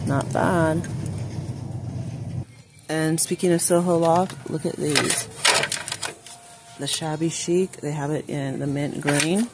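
Her voice sits low and steady, and she takes it slowly with long pauses. A shopping vlogger, she narrates a casual shop-with-me video in a large indoor store, chatting to "you guys" and reading prices aloud as she browses. The phone she holds while filming off camera records clear store noise.

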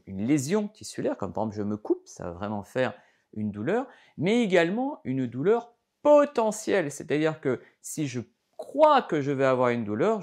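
A middle-aged doctor explains a health topic to camera in a studio in front of a green backdrop, gesturing as he gives the lesson. His voice is medium-pitched and a little mellow, with frequent fillers and restarts.

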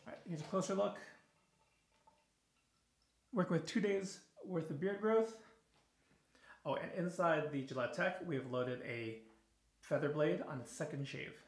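With the camera propped close on the counter of his small, echoey home bathroom, a thirtysomething man shaves and casually reviews the product. Evening tiredness shows in his frequent fillers and restarts. His voice is a little high, unhurried, and full of pauses.

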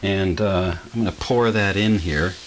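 A middle-aged man with a deep, slightly slow voice hosts his channel's casual kitchen demonstration, walking through each step in a folksy way full of fillers. It's filmed in a home kitchen on a camera microphone, with noisy background sound.

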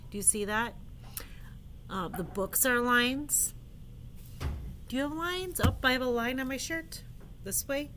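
A woman reading picture books aloud to children, speaking gently and asking them questions. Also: mid-range voice, a little hiss or hum. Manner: gentle, soft, asks the listener questions. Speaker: children's storyteller.

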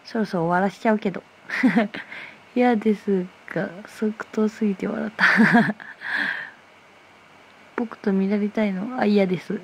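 A woman's voice: medium pitch, fairly even intonation, unhurried, long pauses, breathy edge. A woman hosting a casual livestream from her phone, reading viewer comments aloud and answering with playful, teasing replies. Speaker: livestream host.

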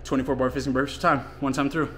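Casual male fitness coach vlogging, winded, middle pitch. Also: flat delivery, quick pace, fairly bright tone, a little hiss or hum. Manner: explains training plainly between efforts, with fillers. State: out of breath. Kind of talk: casual workout vlog talk. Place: home gym and outdoors in winter.

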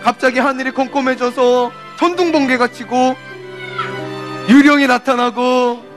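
A woman serving as a children's pastor gives an animated children's sermon. She tells a story, asks the children questions and acts out the scenes. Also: sits high, a little slow, soft background music.

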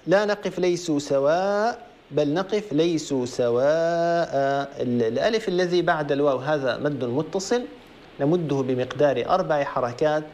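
Man teaching recitation, slightly high voice. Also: a little mellow. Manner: methodical, repeats points and chants verses slowly to demonstrate. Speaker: Quran recitation teacher and program host. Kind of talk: tajweed lesson on a call-in broadcast.

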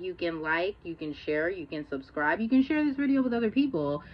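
A woman talking candidly to her viewers in a rambling, profane check-in vlog. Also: mid-range voice. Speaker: vlogger. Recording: dull lo-fi recording.

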